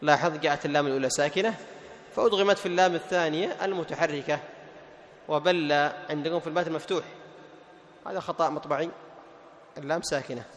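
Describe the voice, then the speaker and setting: A male Quran teacher explaining tajweed rules to a class. He asks questions, answers them himself, repeats the key terms and slows down to recite the verse examples. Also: a little high, slight background noise. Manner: recites verses slowly and melodically. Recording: long hall reverb.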